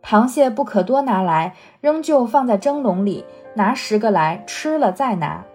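Woman voicing a brisk, bossy young noblewoman. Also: medium pitch, expressive, a little mellow, faint music behind, close to an everyday voice. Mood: bossy teasing. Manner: brisk, commanding, teasing. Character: bossy, witty young noblewoman household manager.

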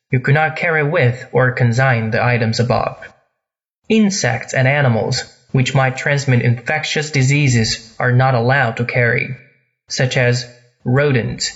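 A man's voice: mid-range voice, fairly bright tone, muffled recording. A man making a formal in-flight announcement over the intercom, reading out items one by one. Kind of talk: in-flight public address announcement.

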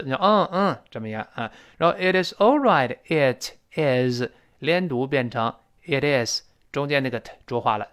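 A man teaching an audio English lesson. He explains pronunciation step by step, slows right down to drill sample phrases, and acts out both sides of a short dialogue. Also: mid-range voice, fairly bright tone. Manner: explains slowly, drawls sample phrases to show linking sounds.

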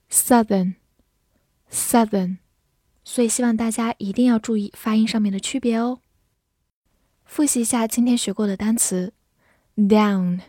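A woman teaching English vocabulary in a clear, patient way, spelling out words and reading model sentences slowly. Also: fairly high pitch, warm tone, no room sound, studio quality. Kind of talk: vocabulary lesson.

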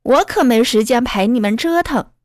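A woman voicing a cocky, stubborn young boy who sulks, boasts and yells at the kids he minds. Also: fairly high pitch, animated, normal speed, no room sound, studio quality, close to an everyday voice. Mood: shouting. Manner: sulky, boastful, then yelling.

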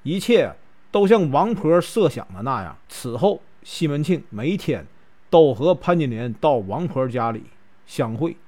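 A chatty male storyteller with a Northeastern Mandarin accent, stretching particles as he spins a classic tale. His voice is fairly high for a man. His pitch swings in a lively, animated way. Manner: chatty, with drawn-out filler particles. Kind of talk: casual storytelling of a classic novel.

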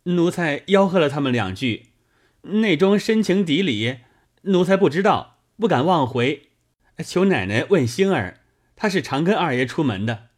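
A man's voice: on the high side, sing-song, a little slow. A man voicing a timid, evasive male household servant who pleads hesitantly in an audiobook. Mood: pleading. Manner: hesitant, pleading, with filler sounds. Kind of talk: audiobook dialogue reading.

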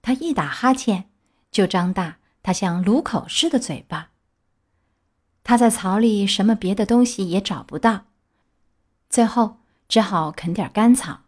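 A woman reading a children's storybook aloud with lively, expressive storytelling. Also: mid-range voice.

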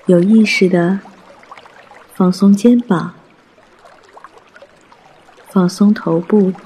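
A man guiding a mindfulness meditation in a soft, hushed, breathy voice, gentle and soothing, with long pauses. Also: sits high, steady tone. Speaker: meditation guide.

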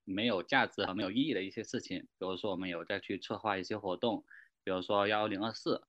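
A man's voice: lowish voice, fairly even intonation, quick pace, a bit bright, no echo. A man speaking as a podcast guest in a wordy way, full of fillers. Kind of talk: casual chat. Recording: dry, dull lo-fi remote mic.

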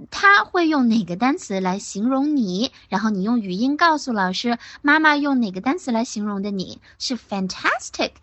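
Bright, high-voiced woman teaching English. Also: dry recording. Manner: warm, encouraging, exaggerated slow modeling of English words. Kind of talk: children's picture-book English lesson.

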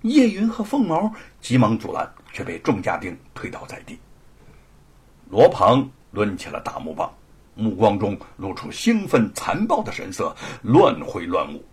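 A man narrating a traditional spoken story in a dramatic, animated way. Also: on the low side, a little slow, husky.

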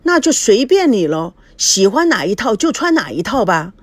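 A woman's voice: a little high, sing-song, moderate pace, no echo, pitched above the performer's own voice. A woman voicing an exasperated young fiancé in an audiobook, impatient and brusque.

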